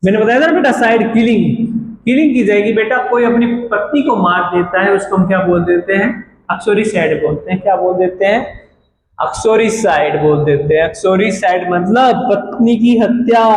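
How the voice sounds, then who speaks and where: A man teaching a vocabulary lesson, repeating each word and its meaning and asking the class to say it back. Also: high voice. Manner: addresses students as "beta". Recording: echoey room with background noise.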